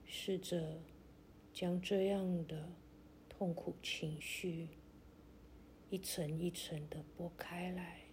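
A woman narrating a guided meditation like a sleep story, in a gentle, soothing, deliberate way with long pauses. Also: on the low side, little pitch movement, slight background noise.

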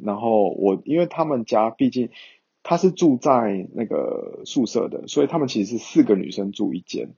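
A man's voice: lowish voice, sing-song, normal speed, gravelly, mellow, breathy edge, dull audio. A young man, chatting casually to viewers in a rambling way with many fillers. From Taiwan.

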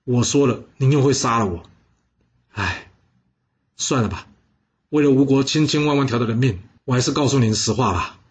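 A man voicing a doomed male court fortune-teller who speaks low, hushed and resigned. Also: normal speed, pauses often, lightly acted. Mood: solemn.

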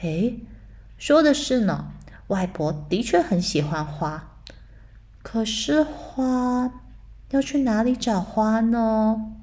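A woman voicing an innocent, cheerful little girl in a bedtime storybook, speaking in an eager, high childlike voice. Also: lively intonation, takes it slowly, pauses often, dark tone.

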